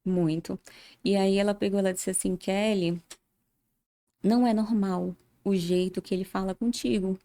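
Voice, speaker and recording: A woman's voice: mid-range voice, fairly even intonation, moderate pace, dark tone. A woman giving earnest personal testimony as a podcast guest, often acting out remembered dialogue.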